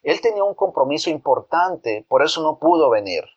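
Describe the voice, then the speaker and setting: A man voicing a gentle, hesitant mother who reproves her son softly in a slightly raised storybook voice. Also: on the high side, sing-song, brisk, voice pushed up. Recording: dull lo-fi recording.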